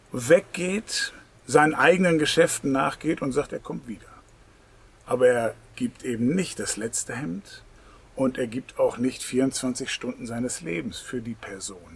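Male preacher, breathy and husky tone, dramatic shifts from booming to hushed. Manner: swings from loud emphatic preaching to near whispers. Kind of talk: sermon.

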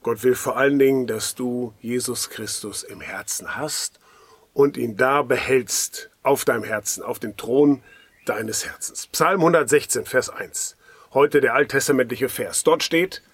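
Husky pastor, hushed earnest devotional. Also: male voice, mid-range voice, a little slow, no room sound. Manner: earnest, pastoral, often dropping to a hushed whisper. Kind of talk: daily devotional sermon.

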